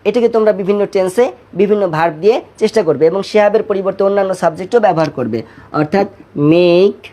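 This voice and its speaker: A man with a Bengali accent teaching an English lesson to students in an online class. He repeats words slowly and drills their pronunciation. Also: sits high, warm tone.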